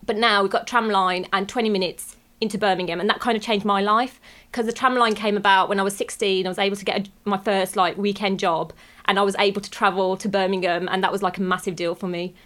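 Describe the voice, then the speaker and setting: A woman's voice: medium pitch, steady tone, fast, few pauses, fairly bright tone. Chatty young woman. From West Bromwich, England. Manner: chatty, frequent "like" fillers. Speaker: interviewee. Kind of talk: casual interview answers.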